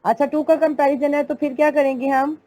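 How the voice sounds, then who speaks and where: A woman's voice: high voice, fairly even intonation, brisk, warm tone. A woman teaching an online English grammar class, explaining patiently step by step and calling her students "beta".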